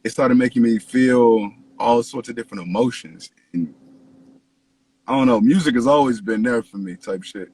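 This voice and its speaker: Husky-voiced man, casual slangy host. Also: mid-range voice, moderate pace, darkish tone. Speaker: podcast host, interviewer. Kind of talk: casual chat, slangy and profane.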